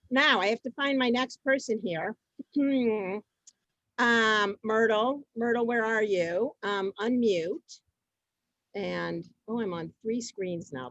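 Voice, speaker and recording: On a video call from indoors, a woman with a mid-range voice hosts a live online event informally, sounding flustered and often repeating her phrases. The recording is dry and muffled, picked up through the call's microphone.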